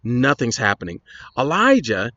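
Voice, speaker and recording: Pastor guy chatting thru a bible story, dry dull lo-fi sound, mid pitch. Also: huge pitch swings, normal speed, sharp tone, no room sound. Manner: conversational storytelling with asides. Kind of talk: casual Bible lesson retelling.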